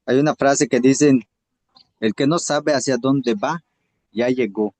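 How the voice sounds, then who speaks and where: A man's voice: medium pitch, unhurried, darkish tone, no echo, low-quality recording. A man with a Yucatecan Mexican accent giving a motivational talk to a group. He often repeats and restarts words, then rises into emphatic bursts.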